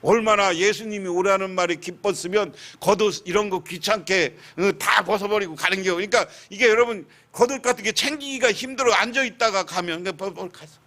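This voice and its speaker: High-voiced pastor preaching. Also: male voice, brisk. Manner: animated storytelling with rhetorical questions to the congregation. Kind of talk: sermon.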